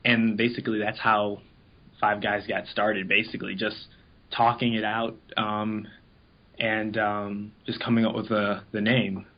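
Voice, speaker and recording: In lo-fi sound, a man with a lowish voice speaks unhurriedly and flatly. He's a guest on an interview, an amateur voice actor from an abridged anime series, wandering informally through anecdotes and imitating what others said.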